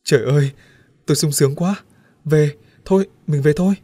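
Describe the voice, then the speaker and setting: A man voicing an excitable, carefree young man in an audiobook story, exclaiming loudly. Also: medium pitch, moderate pace, husky, no echo, voice pushed up, close to an everyday voice. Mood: overjoyed.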